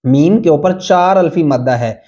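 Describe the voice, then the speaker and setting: A Quran reading teacher speaks in a fairly high, expressive, warm voice. He patiently spells out each letter and vowel mark in slow drills, then chants the words in a drawn-out, sung style.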